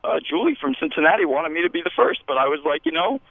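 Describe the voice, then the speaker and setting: A man voicing an excitable, defensive male puppet who calls in over the phone and rambles, quick to get riled up. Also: on the high side, gravelly, dry recording, full character voice. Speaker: caller. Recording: tinny phone line.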